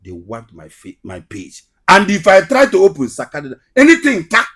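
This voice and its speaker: Animated, husky Nigerian Igbo man. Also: high-pitched, normal speed. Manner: emphatic, repeats phrases for effect. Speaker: guest, comedian and skit maker. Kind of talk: animated interview storytelling.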